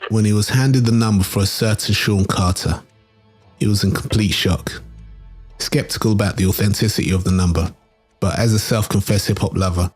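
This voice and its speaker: A man with a fairly low, steady voice reads scripted documentary narration in a measured, dramatic storytelling style. Faint music plays behind him.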